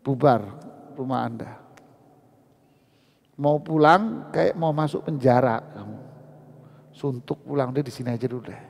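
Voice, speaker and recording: A man giving a lively, joking sermon at a mosque study session, teasing the congregation questions. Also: mid-range voice, measured pace, vocal fry, long pauses. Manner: animated, teasing, asks the audience questions. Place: mosque hall. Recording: reverberant mosque hall.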